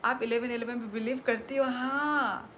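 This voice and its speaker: A woman's voice: a little high, fairly even intonation, moderate pace, a bit bright, slight background noise. A woman hosting a live stream, chatting casually and reading out viewer messages with frequent exclamations. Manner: reads out viewer messages and super chats, often exclaims. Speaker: livestream host.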